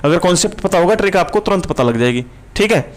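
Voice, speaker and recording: A man's voice: high-pitched, animated. A male teacher running a live online reasoning class, repeating questions and answers to his students as he works through problems. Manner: brisk, repetitive questioning of students.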